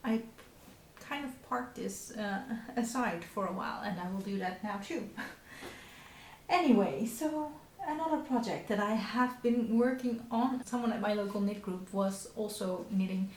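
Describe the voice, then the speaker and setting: A Dutch woman in her thirties, speaking English as a second language with a mid-range voice at a measured pace, hosts a knitting podcast and chats casually in show-and-tell fashion. She hesitates often, with many fillers, restarts and small soft laughs. Her voice echoes clearly in the room over a faint hiss.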